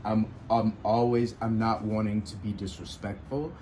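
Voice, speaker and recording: A man's voice: fairly low pitch, flat delivery, moderate pace, a little mellow, a little hiss or hum. A man hosting a casual porch conversation, speaking earnestly and reflectively with occasional laughs. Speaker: podcast host.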